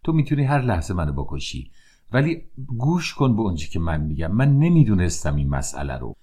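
A man's voice: sits low, sing-song, mellow, husky, heavily acted. A man voicing a frightened young son who pleads earnestly with his father. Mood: pleading.

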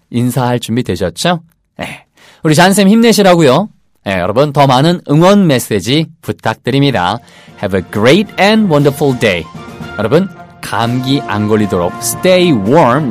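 A male English teacher with a Korean accent, his voice swinging up and down as he coaches listeners. He repeats short English phrases slowly, with a sing-song rhythm. The close recording is dry, with no room sound. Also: medium pitch, no echo. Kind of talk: casual English lesson.

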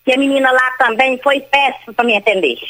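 A woman's voice: sits high, fast, a bit bright. Older woman calling in by phone. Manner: rambling and insistent, repeats herself. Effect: heard over a phone line. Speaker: caller to a radio show. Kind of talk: call-in complaint.

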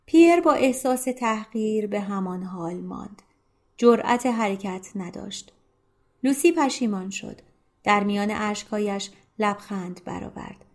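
A woman narrating a literary novel as an audiobook, in a soft, hushed manner that sinks to near whispers. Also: mid-range voice, lively intonation.

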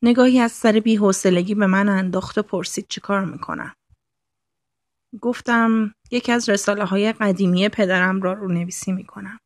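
A woman narrating a novel in a calm, intimate storytelling voice that sometimes drops to a soft whisper. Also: mid-range voice, no echo, studio quality. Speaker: audiobook narrator. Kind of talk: scripted narration.

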